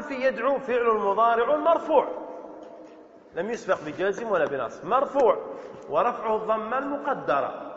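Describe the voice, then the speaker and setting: High-voiced guy teaching grammar, stretches words out, asks then answers himself, dull echoey hall recording. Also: a bit bright. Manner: explains slowly, repeating words and drawing out vowels; asks students questions and answers them himself. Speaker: Islamic scholar teaching Arabic grammar. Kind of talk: classroom lecture on grammar verse.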